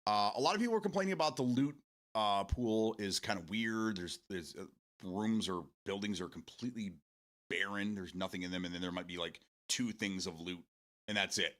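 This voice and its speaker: A man's voice: on the low side, moderate pace, fairly bright tone. A man in his forties hosting a casual morning stream, rambling, repeating words and swearing casually as he answers viewer comments. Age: 40s.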